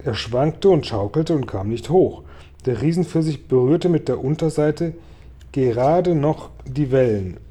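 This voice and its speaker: Storybook narrator, male, very dark warm tone, lively telling. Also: medium pitch, measured pace. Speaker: audiobook reader. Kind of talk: children's book read aloud.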